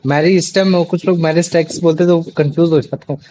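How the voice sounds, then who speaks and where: A man's voice: on the high side, fairly even intonation, fast talker, warm tone, slight background noise. A young man tutoring a class over a video call, chatty and checking often that students follow. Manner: chatty, repeats checking questions. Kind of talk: online class teaching. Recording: dull lo-fi online call audio.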